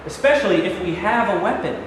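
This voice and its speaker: A man's voice: high-pitched, expressive, fairly quick. A man playing a troubled, plain-spoken middle-aged president in a staged play reading. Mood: troubled, earnest. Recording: very echoey hall, noisy room recording.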